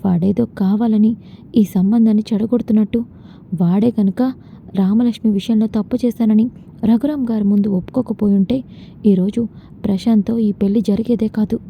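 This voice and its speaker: A woman's voice: medium pitch, steady tone, moderate pace, gravelly, lightly acted. A woman voicing an irritated father defending his son. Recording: dull lo-fi with faint noise.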